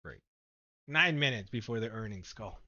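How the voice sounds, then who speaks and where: A man hosting a casual stock market livestream, animated and laughing, swinging from low mumbles to loud exclamations. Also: normal speed, muffled recording.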